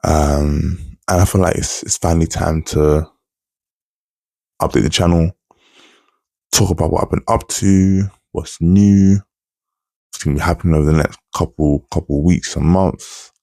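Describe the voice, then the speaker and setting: Male vlogger, twenties, deep register, retainer lisp, rambling and informal, very dry sound. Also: steady tone, unhurried, gravelly, long pauses, mellow, no echo. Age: 20s. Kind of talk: casual update to camera.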